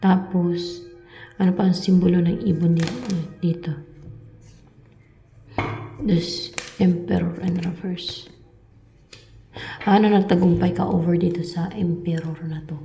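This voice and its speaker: A woman's voice: fairly low pitch, fairly even intonation, takes it slowly, gravelly, long pauses, warm tone, echoey room, faint music behind. A woman giving a meandering spiritual talk to her viewers, repeating herself and sometimes dropping into a whisper. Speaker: spiritual reader.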